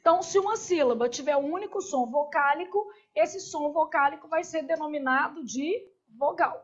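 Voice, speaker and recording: A woman's voice: sits high, normal speed, lo-fi sound. A woman with a Brazilian Portuguese accent teaching an online grammar lesson, asking her students questions and answering them herself.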